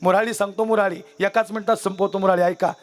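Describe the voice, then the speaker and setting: High-voiced fervent male kirtan preacher. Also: steady tone, fast. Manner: fervent, exhorting, addresses audience directly. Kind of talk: devotional kirtan sermon with storytelling. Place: stage before a seated audience.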